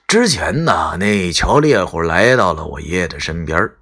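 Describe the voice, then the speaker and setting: Male storyteller, colloquial, husky low voice. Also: normal speed. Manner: colloquial, lively, swearing asides. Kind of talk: live-streamed storytelling.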